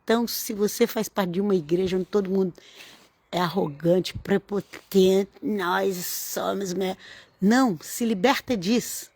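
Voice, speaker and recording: Woman vlogger, mid-pitched, exhorting, dry close sound. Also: a little mellow, breathy edge, no echo. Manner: earnest, exhorting, repeats phrases for emphasis. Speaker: religious vlogger. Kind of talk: informal preaching to camera.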